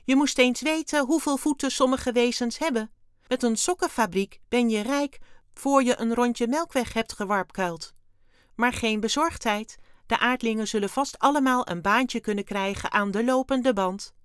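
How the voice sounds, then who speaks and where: A woman's voice: on the high side, normal speed, clean tone, no room sound, studio quality, voice pushed up, close to an everyday voice. A woman reading a children's story aloud, voicing a cheerful, small, hairy blue alien with chirpy, odd turns of phrase. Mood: chirpy, eager.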